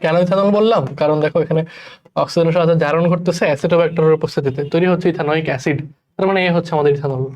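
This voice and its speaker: Young male tutor from Bangladesh, rapid-fire exam-prep lecture, voice on the high side, repeats key terms. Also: steady tone, a little mellow, muffled recording. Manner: rushed, repeats key terms, addresses students as brother. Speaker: chemistry tutor. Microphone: recorded voice-over for class slides.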